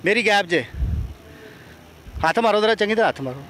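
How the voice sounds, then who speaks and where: A man's voice: high-pitched, lively intonation, fast talker, heavy background noise. A man hosting a comedic street interview outdoors, playful and pushy as he coaxes passers-by. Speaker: comic street interviewer and prankster.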